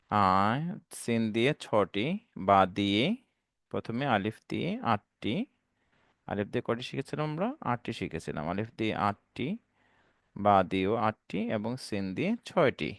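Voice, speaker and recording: A man's voice: on the low side, big pitch swings, gravelly, a bit bright, no echo, studio quality. Patient man drilling letter sounds. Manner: drawn-out, stressed letter sounds for learners to copy; patient, repeats and asks questions to the class. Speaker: Quran teacher. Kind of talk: online lesson teaching Arabic letters.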